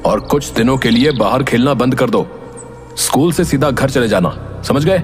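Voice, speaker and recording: In a horror cartoon, a man with a mid-range voice and moderate pace gives dramatic voice to village characters and a teacher. The dialogue is recorded over loud music.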